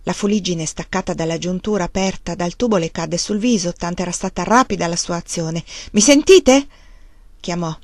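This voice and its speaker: A woman reading a novel aloud with expressive, dramatic narration. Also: fairly low pitch, a little fast, hardly any pauses, no room sound, studio quality. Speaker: audiobook reader.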